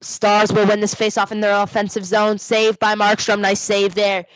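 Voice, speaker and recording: A woman calls hockey play-by-play for a fan watch party on livestream, offering live amateur commentary as a frustrated Devils supporter who explains plays loosely and keeps correcting herself. Her medium-pitched voice is monotone at a normal speed, and the rough recording is dry without room sound.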